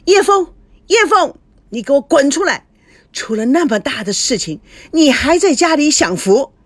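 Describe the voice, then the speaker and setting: A woman's voice: high voice, sing-song, moderate pace, a bit bright, dry recording, pitched above the performer's own voice, full character voice. A woman voicing an angry middle-aged businessman father who bellows at his family in a read-aloud story. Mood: furious shouting. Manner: bellowing, furious.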